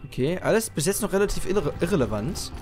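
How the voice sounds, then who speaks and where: A man's voice: high voice, big pitch swings, fast, darkish tone. A man giving casual, slangy gameplay commentary as a let's player, muttering to himself. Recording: game music behind the voice. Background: video game music.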